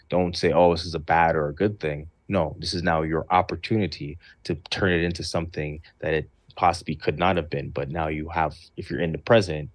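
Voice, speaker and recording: A man with a very deep, low voice offers steady advice about living in the present. His delivery is calm and unhurried, broken up by frequent "uh" pauses. The sound is dry and close, with no room around it. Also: no room sound. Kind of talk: casual motivational talk on a livestream. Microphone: misplaced mic.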